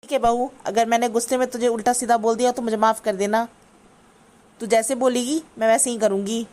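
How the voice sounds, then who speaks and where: Cartoon mother-in-law, bossy and scolding, high-pitched, voiced by a woman. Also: steady tone, a little fast, darkish tone, natural voice. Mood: softening. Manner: scolding, complaining. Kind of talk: cartoon voice acting.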